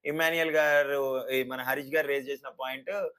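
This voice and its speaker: A man giving a casual, sarcastic review of a reality show, animated and mocking. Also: medium pitch, brisk. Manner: sarcastic, animated, mimics people.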